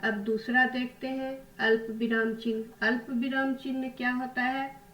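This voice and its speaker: A woman's voice: high voice, level tone, unhurried, fairly bright tone, roomy sound, distant mic, rough recording. A woman teaching a grammar lesson to children, patiently asking questions and answering them herself.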